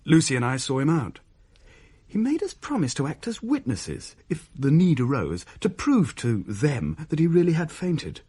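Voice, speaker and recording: A wry son telling the story. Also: male voice, fairly high pitch, big pitch swings, moderate pace, dark tone, slightly rough. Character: wry young adult son narrating. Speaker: narrator. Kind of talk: radio play narration.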